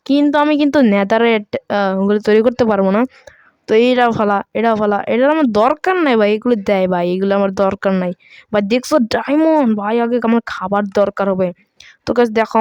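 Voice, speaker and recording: A woman hosting live gameplay commentary, excitable and chatty with viewers, often breaking into shrieks. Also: medium pitch, fast, clear, resonant tone, dry recording, muffled recording. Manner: excitable, frequent shrieks and exclamations; chatty, talks straight to viewers. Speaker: gaming channel host.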